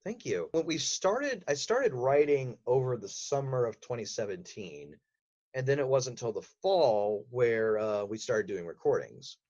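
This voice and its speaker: With a sing-song, unhurried delivery, this man's mid-range, slightly mellow voice comes through lo-fi sound. As a guest on a podcast, the voice actor and audio drama writer tells enthusiastic, detailed stories in relaxed interview conversation.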